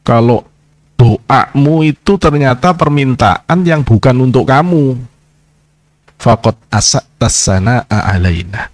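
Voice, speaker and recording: A man giving an informal sermon as a kiai, scolding and mocking his listeners, sliding from low murmurs into sharp high outbursts. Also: dry recording. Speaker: kiai, Islamic preacher.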